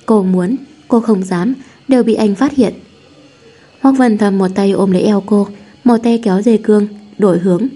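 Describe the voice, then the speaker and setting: A woman reading a romance novel aloud at home, in a calm, even storytelling manner. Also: medium pitch, moderate pace, husky. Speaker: audiobook narrator. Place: home room, poorly soundproofed.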